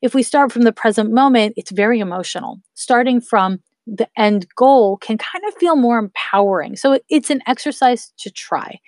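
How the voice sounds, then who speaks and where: Her voice leans high with a darkish tone, moving at normal speed, as this podcast host in her thirties dispenses casual spiritual advice. She encourages listeners, her loves, and the close recording is dry with no echo.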